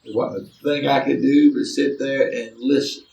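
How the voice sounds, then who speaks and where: A man's voice: medium pitch, fairly even intonation, moderate pace, creaky, darkish tone, a little hiss or hum. A man from Alabama with a Southern accent telling a folksy family story with drawling asides. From Chambers County, Alabama, US. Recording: roomy, distant from mic.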